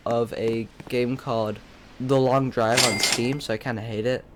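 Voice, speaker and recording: Heavy background noise surrounds a young man whose cold leaves his medium-pitched voice congested and pinched. As a YouTuber he offers steady, unhurried commentary that's casual, blunt, opinionated, and rambling.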